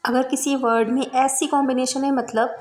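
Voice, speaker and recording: A woman's voice: sits high, little pitch movement, normal speed, darkish tone. A woman teaching an English spelling lesson, patiently spelling words out letter by letter. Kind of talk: explanatory spelling lesson in Hindi.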